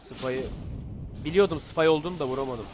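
A young man giving excitable, casual commentary on his own gameplay, muttering one moment and shouting the next. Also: a little high, a little fast, a little hiss or hum. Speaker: gameplay video host.

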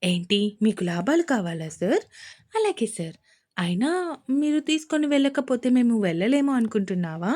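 A woman's voice: on the high side, big pitch swings, normal speed, dark tone. A woman voicing a playful young wife in a romance audio story, coaxing and pouting at her husband.

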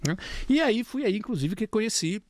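A man's voice: high-pitched, a little fast, no room sound. A man in his fifties from Italy with an Italian accent, chatting as an interview guest and acting out the voices of people in his stories. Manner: animated storyteller acting out quoted voices. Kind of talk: casual interview chat.

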